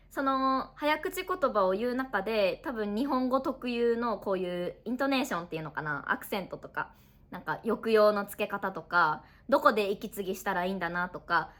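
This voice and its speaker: Chatty young Japanese teacher, high voice. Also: female voice, a bit bright. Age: 20s. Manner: chatty and friendly, explains slowly with examples. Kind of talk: casual podcast talk to learners. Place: indoors at her family home.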